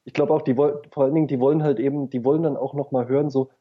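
A man's voice: medium pitch, steady tone, rapid-fire, lo-fi sound. A man chatting casually as a podcast co-host, agreeable and hedging, full of fillers. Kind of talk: casual chat.

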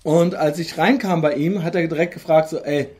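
A man's voice: on the high side, steady tone, brisk, darkish tone. A man casually telling a long rambling anecdote, acting out quoted lines as he goes. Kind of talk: casual chat.

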